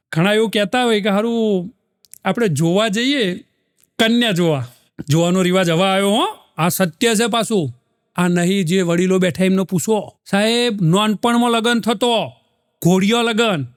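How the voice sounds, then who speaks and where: A male stand-up comedian with a Gujarati accent, telling folksy jokes in a lively way and putting on voices for the people in them. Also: sits high, moderate pace, dry recording, clean studio sound. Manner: folksy, animated, voices different characters.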